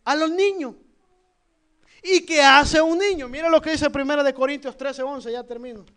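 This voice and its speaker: A Salvadoran man preaching in a strikingly high voice. He fires questions at the congregation one after another, swinging from soft asides to loud emphasis. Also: normal speed. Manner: lively, shifts between loud and soft. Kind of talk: sermon.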